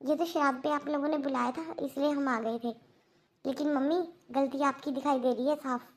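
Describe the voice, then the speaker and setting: Woman as a firm young cartoon daughter, high voice, earnest lecturing tone. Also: steady tone, moderate pace. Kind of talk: Hindi cartoon dubbing.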